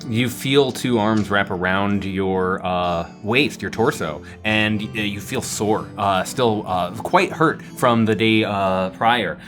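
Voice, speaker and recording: A man improvising narration as game master of a tabletop game, with halting, wordy, formal phrasing. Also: on the low side, a bit bright. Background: guitar music.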